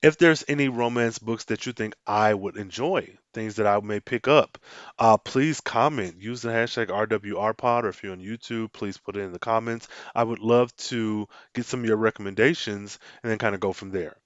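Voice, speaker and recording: It's a solo podcast: a man with a fairly low voice talks at a moderate pace, muffled and with no room sound. Animated and casual, he keeps restarting lines and performing quotes theatrically.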